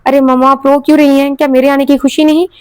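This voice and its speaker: A woman's voice: high voice, little pitch movement, fast talker, darkish tone, no echo, close to an everyday voice. A woman voicing a friendly, teasing young man calling his mother. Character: young man, cheerful son returning home.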